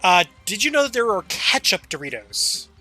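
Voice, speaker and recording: A man's voice: sits high, very animated, normal speed, pushed and bright, faint music behind. A man streaming a game, chatting casually and rambling, with a casual swear here and there. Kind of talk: casual gaming chat.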